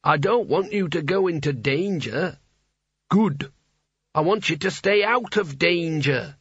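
A man's voice: fairly high pitch, animated, measured pace, fairly bright tone, husky, no room sound, muffled recording, pitched above the performer's own voice, exaggerated voice. A man voicing a pompous, ancient talking wizard's hat that speaks in an imperious, grandiose and sarcastic way. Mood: commanding.

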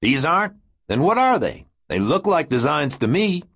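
A man voicing a big, agitated, blustering man who talks in a husky, urgent voice. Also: fairly high pitch, sing-song, moderate pace, pitched above the performer's own voice, heavily acted. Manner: shouting, urgent, withering.

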